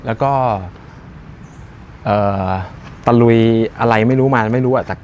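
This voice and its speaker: A man's voice: mid-range voice, steady tone, a little slow, darkish tone, dull audio, a little hiss or hum. A man chatting casually while unboxing running shoes, joking and thinking aloud with many fillers. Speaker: running shoe reviewer.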